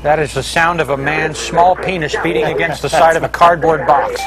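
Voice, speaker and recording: A man hosting a comedy call-in chat, insulting callers in a deadpan way. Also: on the high side, normal speed, heavy background noise. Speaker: comedian host.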